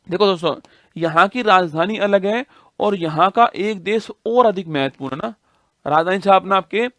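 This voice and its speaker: Recorded with studio quality and no room sound, a man with a high, slightly bright voice teaches online geography for exam prep. He asks questions, supplies the answers himself, and repeats the essential facts over and over.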